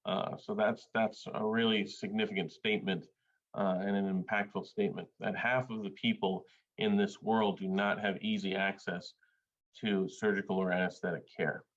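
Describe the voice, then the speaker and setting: A Bangladeshi-born male surgeon presents on an academic panel, speaking in a measured, hesitant way full of filler sounds. His voice sits on the low side with a level tone, and the audio is dull.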